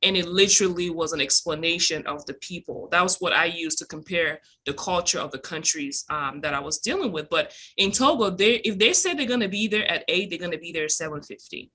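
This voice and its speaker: A woman from Cameroon speaks as an interview guest with a bright, clear tone. Her telling is animated and emphatic. She leans into key words as she goes. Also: lowish voice, a little fast, hardly any pauses. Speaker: podcast guest, entrepreneur. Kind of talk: conversational interview.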